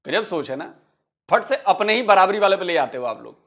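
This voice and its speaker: A man's voice: sits high, expressive, brisk, a bit bright. A man hosting a reaction video, arguing emphatically and addressing his viewers. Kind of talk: reaction commentary.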